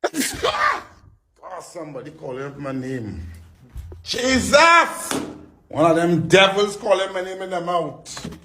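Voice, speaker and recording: A man voicing a theatrical, outraged character who shouts shrill exclamations. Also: huge pitch swings, takes it slowly, echoey room, a little hiss or hum, exaggerated voice.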